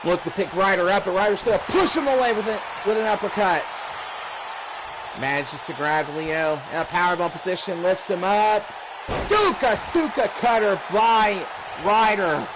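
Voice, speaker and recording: A man doing excited play-by-play as a wrestling commentator, exclaiming and often shouting out the moves. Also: sits high, normal speed. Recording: clearly noisy background.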